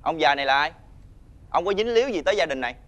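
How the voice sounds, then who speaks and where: A bossy thug. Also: male voice, fairly high pitch, animated, fast talker. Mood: threatening. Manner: loud, scornful, ordering others around. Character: menacing, bossy male debt-collecting thug. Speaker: debt collector's henchman leader. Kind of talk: TV fairy-tale drama acting.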